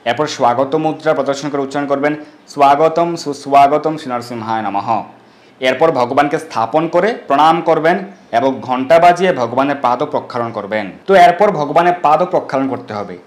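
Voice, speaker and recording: Fast-talking man in an echoey room. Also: medium pitch, slight background noise. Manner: steady step-by-step explaining, slowing to chant mantras. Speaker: devotional teacher. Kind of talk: ritual instruction.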